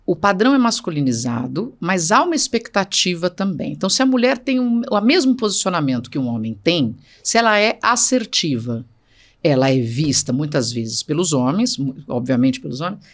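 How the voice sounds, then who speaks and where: Female guest, middle-aged, firm and emphatic, very animated intonation. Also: low-pitched, moderate pace. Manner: emphatic, assertive, repeats for stress. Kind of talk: conversational interview.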